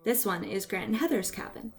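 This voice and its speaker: Female narrator, scripted family-video voice-over, soft music bed. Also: medium pitch, animated, brisk.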